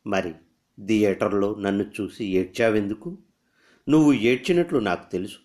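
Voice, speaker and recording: A man's voice: lowish voice, moderate pace, a little mellow, close to an everyday voice. A man reading a story aloud, voicing a lovesick young army officer who pleads earnestly. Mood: pleading.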